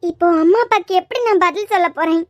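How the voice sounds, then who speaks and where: Speaking fast at an extremely high pitch, slightly mellow, this woman plays a scolding but tender young roommate in a cartoon series, using a Kanyakumari Tamil accent. The recording is dry and sounds dull.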